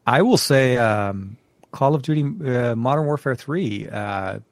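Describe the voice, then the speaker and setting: A man's voice: mid-range voice, expressive, unhurried, dry recording. A man co-hosting a casual tech podcast, rambling with many restarts, fillers and frequent laughs. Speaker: podcast co-host.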